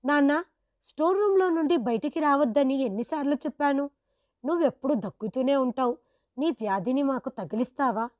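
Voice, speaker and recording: A woman's voice: high-pitched, lively intonation, brisk, dry recording, voice pushed up. A woman voicing a harsh grown son who angrily scolds his sick father in a storybook tale. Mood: angry scolding. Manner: shouting, scornful scolding.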